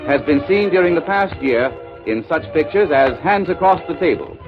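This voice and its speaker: A man's voice: on the high side, lively intonation, normal speed. A male announcer giving scripted promotional narration, heard as an old 1930s radio broadcast. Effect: old 1930s radio broadcast sound. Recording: dull lo-fi 1930s radio recording with music.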